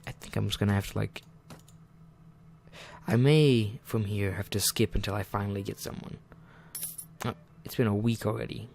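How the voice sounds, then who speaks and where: Male gaming host, casual let's-play chatter, rambling, self-deprecating, low and gravelly delivery. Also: steady tone, normal speed, pauses often, darkish tone, slight background noise. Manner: rambling and self-deprecating, often muttering asides.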